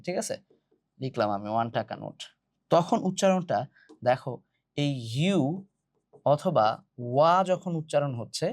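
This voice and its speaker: A man teaches a grammar lesson, keeping his students involved with question after question. His voice sits a little high. The sound is dry and close, with no room echo. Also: darkish tone. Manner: explains step by step, quizzing students with questions. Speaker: English teacher.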